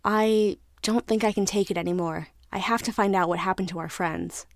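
A woman's voice: mid-range voice, fairly even intonation, moderate pace, no room sound, studio quality, close to an everyday voice. A woman voicing an anxious, fragile tuna who talks in a pleading, slightly raised way. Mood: resigned.

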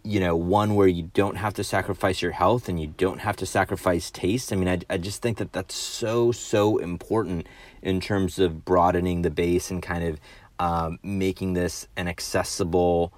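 A man with a very deep voice asks questions as an interviewer. He hesitates and restarts often, and his voice sounds dry and close with no room. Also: fairly even intonation, normal speed, no echo. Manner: hesitant, many fillers and restarts.

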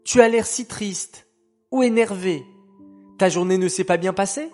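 A man's voice: high-pitched, measured pace, soft background music. A man voicing a chatty, caring little girl who questions her brother in a storybook tale. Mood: concerned. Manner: bright, questioning, lively.

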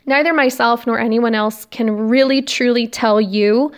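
A young American woman with a fairly high, very clear voice and a slight lisp from wearing braces. She hosts a podcast alone, rambling in a casual, confessional and self-deprecating way. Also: normal speed. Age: young adult. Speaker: podcast host. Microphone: recording on a phone.

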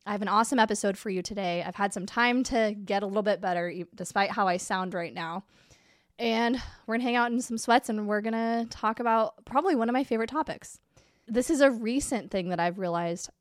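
A woman's voice: mid-range voice, brisk, no room sound, clean studio sound. A woman hosting her own business podcast, talking casually and candidly while congested from a cold. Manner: candid, conversational, upbeat. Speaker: podcast host and business coach. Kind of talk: casual solo podcast talk.

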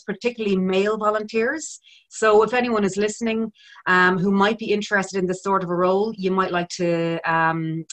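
A woman's voice: medium pitch, a bit bright. A woman with an Irish accent presenting and interviewing on a podcast in a conversational style.

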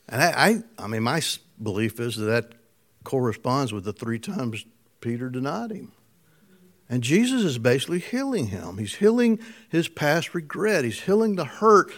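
A man preaching a sermon, telling stories with frequent chuckles and dropping from loud emphasis to a soft hush. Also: high-pitched.

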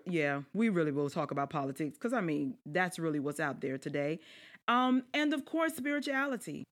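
A woman with a South Carolina lowlands accent hosting her podcast. She is also a pastor, and she talks in a playful, emphatic, preacher-like way, often calling out to her listeners directly. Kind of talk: casual podcast intro monologue.

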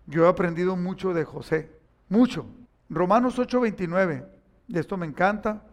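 A man's voice: high-pitched, moderate pace. An older man with a Mexican accent preaching a sermon, emphatic and repetitive, speaking directly to his listeners.

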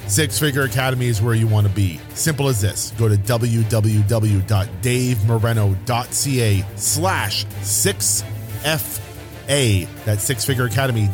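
A man hosting a podcast, delivering an emphatic, hyped-up sales pitch in the manner of a coach. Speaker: podcast host. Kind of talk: promotional podcast monologue.

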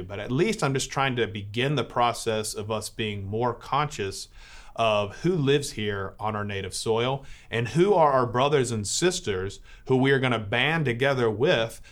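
Man telling stories, relaxed and chatty. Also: on the low side. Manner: relaxed storytelling with filler words. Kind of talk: informal talk to a church audience.

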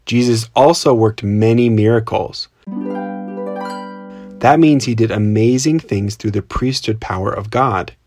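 A man's voice: fairly low pitch, slow pace, over music. A man co-hosting a children's storytelling podcast, explaining things in simple terms, recorded at home without a proper mic. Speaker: podcast co-host.

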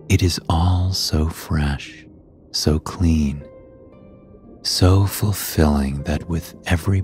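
A man narrating a scripted sleep story as a guide, in a calm, hushed and soothing manner. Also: rumbling low. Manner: calm, hushed, unhurried guiding delivery. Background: soft music.

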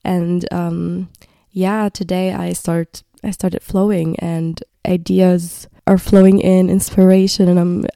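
Low, mellow-voiced young woman rambling. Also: level tone, slow, vocal fry, no room sound, studio quality. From Palestine. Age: 20s. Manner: rambling and searching for words, many filler "like"s. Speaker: podcast host. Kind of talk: casual solo podcast monologue.

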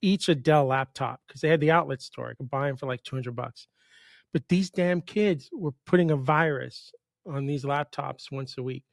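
During a casual podcast interview, the host, a New York man in his fifties, tells long, wandering stories and interrupts himself. He talks at a moderate pace in a mid-range voice with vocal fry, recorded in studio quality without room sound.

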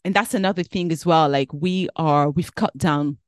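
A woman in her thirties talks through her week in a loose, chatty podcast style, stopping and restarting her sentences as she goes. Her voice sits low for a woman. The recording is close and dry, with no room sound. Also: normal speed, dry recording. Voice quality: chatty, rambling with self-corrections. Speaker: podcast host. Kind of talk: casual solo podcast chat.

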